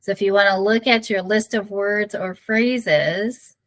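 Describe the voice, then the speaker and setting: A woman's voice: medium pitch, steady tone, measured pace, fairly bright tone, poor audio. A woman with a mid-range voice co-hosts an online session. She lays out the next steps plainly and encourages people to join in. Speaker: session co-host. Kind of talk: casual online presentation.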